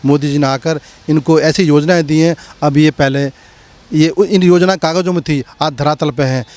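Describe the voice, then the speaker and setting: A man's voice: on the high side, fairly even intonation, normal speed, a little mellow, dry recording. A man, a community leader, answering interview questions in a rhetorical, impassioned speechmaking manner with many repetitions.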